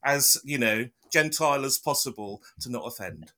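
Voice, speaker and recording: A man's voice: medium pitch, lively intonation, normal speed, a crowd in the background. A man hosting a podcast, joking and self-deprecating in casual chat. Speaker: podcast host.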